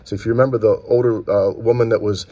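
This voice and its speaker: Talking quickly in a warm, fairly low voice with fairly even intonation, a man narrates a handheld phone tour of filming locations. He's casual and chatty, points out details, and restarts often as he moves outdoors and past small-town shop windows. The recording has no room sound but is muffled.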